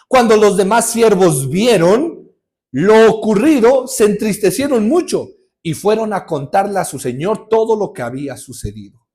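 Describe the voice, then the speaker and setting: A man preaching a sermon, retelling a parable with lively humor and rhetorical questions. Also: high-pitched, moderate pace. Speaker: pastor.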